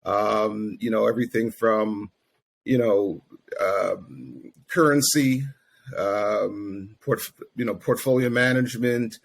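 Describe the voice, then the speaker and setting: A man's voice: lowish voice, slow pace, vocal fry, breathy edge. A middle-aged man from Grenada, a guest in a casual interview, talking easily with many fillers. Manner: easygoing, many fillers like "you know" and "um". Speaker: guest, investment firm founder.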